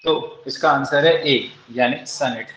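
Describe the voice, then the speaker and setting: This exam-prep English literature lecture comes from a man with an Indian English accent, speaking slowly in a mid-range, slightly bright voice. He keeps asking rhetorical questions and answering them, and the recording has a dull, echoey, lo-fi room sound.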